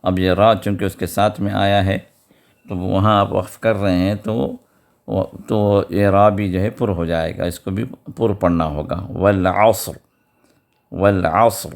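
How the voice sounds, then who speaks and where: Low, smooth-voiced man teaching recitation. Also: steady tone, darkish tone. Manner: explains rules, then recites words slowly and repeats them. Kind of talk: tajweed lesson with slow recitation.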